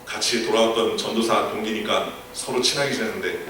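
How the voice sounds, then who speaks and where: Middle-aged male pastor, earnest storytelling sermon, crisp bright tone, miked from afar in a reverberant sanctuary. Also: lowish voice, a little fast, slight background noise. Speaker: senior pastor. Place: church sanctuary. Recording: echoey hall, voice from a distant mic.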